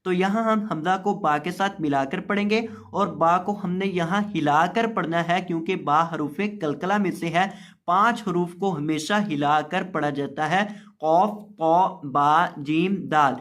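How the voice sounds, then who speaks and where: Slow, high-voiced male Quran teacher. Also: fairly bright tone. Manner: patient, repeats each word slowly and drawn out. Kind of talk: slow step-by-step lesson.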